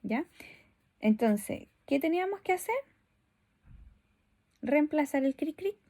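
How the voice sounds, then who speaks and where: Woman teacher with a gravelly edge. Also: high-pitched, expressive, slow pace, warm tone. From Chile. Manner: friendly, checks in with "¿ya?" and "¿cierto?". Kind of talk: recorded video lesson for children.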